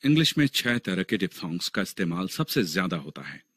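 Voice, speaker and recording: Male narrator for an animated lesson, low and husky voice, slow and deliberate, lively intonation. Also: no echo, clean studio sound. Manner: slow, deliberate explaining and spelling out sounds. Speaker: teacher. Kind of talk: scripted narration.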